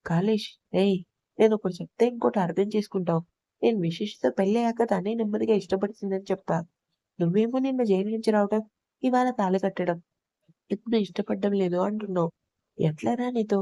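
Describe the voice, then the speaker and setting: A woman's voice: medium pitch, brisk, dark tone, no echo, lightly acted. A woman voicing a loyal male friend who explains things earnestly.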